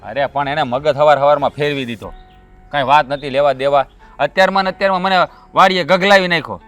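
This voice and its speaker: An actor playing a short-tempered, defensive elder brother and farmer, speaking with a Kathiawadi Gujarati accent. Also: male voice, a little high, a bit bright, faint music behind, natural voice. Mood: justifying. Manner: defensive and quick to snap. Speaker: elder brother in a land feud. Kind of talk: rural family drama acting.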